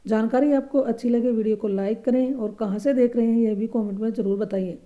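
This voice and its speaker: A woman teaching a grammar lesson for exam preparation, patiently explaining answers and repeating each correct word slowly and softly. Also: on the high side, fairly even intonation, lo-fi sound.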